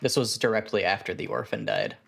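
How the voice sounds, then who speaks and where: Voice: deep voice, very animated, brisk, a bit bright. A game master narrating a tabletop role-playing game. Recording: clearly noisy recording with clicks.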